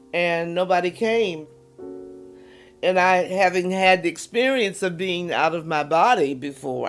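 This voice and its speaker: An older woman tells her story in relaxed conversation, lifting into other people's voices when she quotes them and dropping soft at the tense moments. Faint music plays underneath. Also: lowish voice. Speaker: interviewee.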